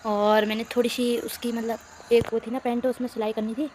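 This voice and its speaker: A woman's voice: a little high, level tone, fairly quick, background noise. Young village vlogger woman with a cold. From Uttarakhand hills, India. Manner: chatty, talks to her viewers and coos at her cats. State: has a cold and sore throat. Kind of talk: casual vlog chat.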